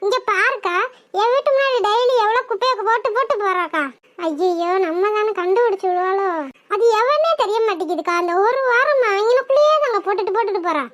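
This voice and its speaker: A woman with a Kanyakumari Tamil accent voicing a loud, angry village woman who scolds her neighbours in a cartoon. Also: very high-pitched, lively intonation, brisk. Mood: complaining. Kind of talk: cartoon voice acting.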